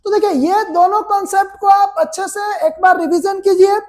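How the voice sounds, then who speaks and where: Very high-voiced woman shorthand teacher. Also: fairly even intonation, a little fast, a little mellow. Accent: Indian Hindi. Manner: explains step by step with repeated quiz questions. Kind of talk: classroom lecture.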